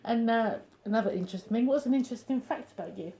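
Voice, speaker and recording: A woman hosts a casual interview, asking questions in an upbeat, encouraging way. Her voice is mellow and gravelly. The sound carries a roomy echo. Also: fairly high pitch, a little hiss or hum. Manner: upbeat, encouraging, quick responses. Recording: echoey room.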